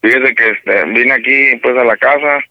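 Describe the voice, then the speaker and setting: A man's voice: medium pitch, no room sound. A Mexican man playing an upset husband in a prank phone call, hesitant and full of restarts. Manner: halting, hesitant, restarts a lot. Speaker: prank caller, radio host.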